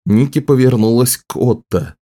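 A medium-pitched man reads scripted narration from a fantasy audiobook, keeping his delivery even and measured.

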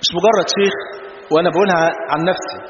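An Egyptian man with an Egyptian Arabic accent, preaching in an animated storytelling way and mixing jokes into his religious talk. His voice sits high for a man and the words tumble out at great speed. He is heard in a large hall with a long, roomy echo. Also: very fast. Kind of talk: sermon with humorous anecdotes. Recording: dull, roomy, noisy hall recording.

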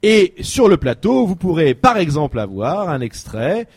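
Radio host guy, bouncy lively voice, a bit high, playful banter. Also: moderate pace, slightly rough, no echo. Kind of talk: casual radio chat.

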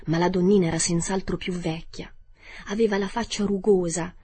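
A woman narrating a children's novel in a measured, even storytelling manner. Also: fairly low pitch, breathy edge. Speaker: audiobook narrator. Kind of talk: scripted narration.

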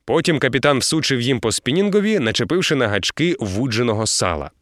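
A man narrating an audiobook in an expressive storytelling way. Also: mid-range voice, fairly quick, no room sound, studio quality. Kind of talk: scripted narration.

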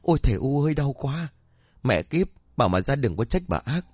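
A man voicing a coarse, jealous middle-aged village aunt who yells curses. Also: medium pitch, big pitch swings, a little fast, husky, dry recording, studio quality. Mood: cursing in pain. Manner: foul-mouthed, yelling curses.

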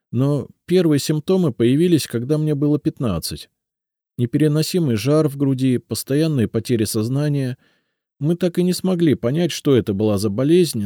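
A man's voice: medium pitch, warm tone, dry recording, studio quality, voice pushed up, natural voice. A man voicing a young female healer who speaks earnestly and pleads, in an audiobook.

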